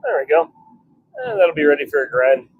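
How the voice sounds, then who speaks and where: A man's voice: on the high side, huge pitch swings, a little fast, vocal fry, husky, phone-quality sound. A man giving casual commentary as he works in a noisy forge workshop, musing to himself in short fragments. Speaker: blacksmith hosting a workshop livestream. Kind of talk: casual commentary while working. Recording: very noisy workshop with clicks and clanks.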